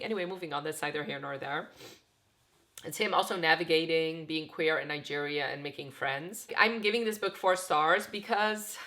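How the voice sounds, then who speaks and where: Chatting about her current read, a young book vlogger talks in a deep, slightly bright voice. She rambles and leans heavily on fillers, especially "like," and her voice is off since she's worn out and coming down with something.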